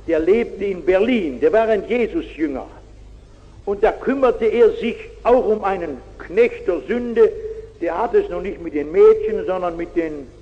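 Emphatic high-voiced German preacher. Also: male voice. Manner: emphatic, with sudden loud outbursts and asides to the audience; slow, deliberate delivery. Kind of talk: evangelistic sermon. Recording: dull, echoey hall recording.

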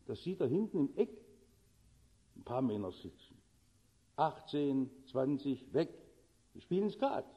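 A man's voice: high voice, in a large hall, lo-fi sound. A male preacher giving a sermon, telling vivid stories and delivering urgent warnings.

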